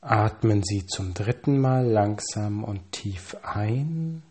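In a lowish voice with a breathy edge, a man calmly delivers scripted relaxation guidance, pausing deliberately and counting slowly.

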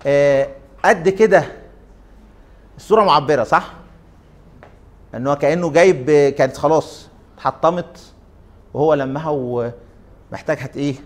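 A man's voice: fairly high pitch, normal speed, pauses often. A man with an Egyptian Arabic accent giving an interactive lecture. He often questions the class and stretches out his fillers.

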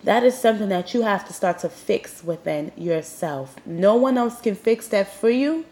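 A young woman hosting her own podcast delivers a candid motivational monologue, speaking bluntly and emphatically straight to her listeners. Her mid-range, mellow voice has lively intonation at normal speed, but she sounds nasal and sniffly from a cold.

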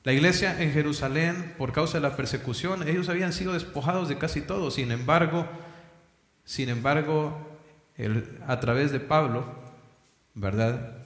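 A man's voice: a little high, normal speed. Man preaching in an echoey hall. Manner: preaching with rhetorical questions, often addressing the congregation as brothers. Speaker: pastor. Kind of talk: sermon. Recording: echoey hall with long reverb.

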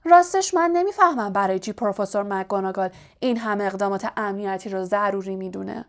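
A woman's voice: mid-range voice, natural voice. A woman voicing a boastful, vain male wizard teacher in an audiobook reading, talking smugly.

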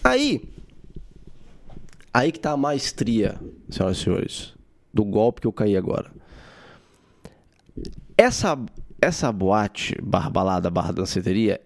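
A young man hosting a podcast, telling a personal story in a casual, animated way with some swearing. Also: on the low side, slow, creaky, long pauses. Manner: animated, swearing, acts out his own quotes. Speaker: podcast host.

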